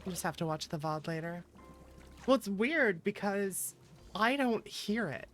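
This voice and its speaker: Over background music, a female VTuber with a mid-range, slightly bright voice talks with her audience at a measured pace. She's animated and playful, teasing viewers and responding energetically to their messages.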